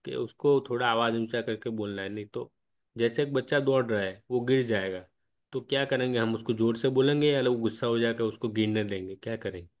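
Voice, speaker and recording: Man, discussion guide on an online call, patient and explanatory, asks questions, mid-pitched voice. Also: fairly quick. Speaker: study group guide. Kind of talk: spiritual discussion.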